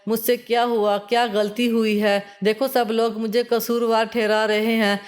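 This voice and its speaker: A gentle, worried young husband pleading with his wife, read by a woman narrator. The storybook lines stay flat and even in pitch. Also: soft background music, close to an everyday voice.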